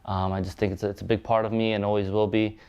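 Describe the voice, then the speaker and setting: A young police officer and boxing manager from Poland, Polish-accented, gives a documentary interview in an earnest, halting manner full of restarts. His voice sits lowish and level, a little mellow, with a clean tone.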